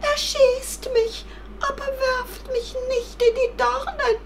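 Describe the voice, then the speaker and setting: A woman voicing a cheeky little rabbit in a children's story, in a shrill, pleading voice. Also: fairly even intonation, slow pace, a little hiss or hum, exaggerated voice. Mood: wailing plea.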